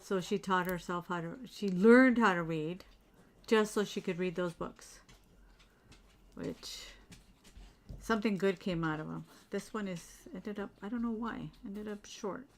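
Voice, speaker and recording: At home doing beadwork, a middle-aged woman chats casually on a livestream, rambling and reading out viewer comments. She speaks at a measured pace in a medium pitch.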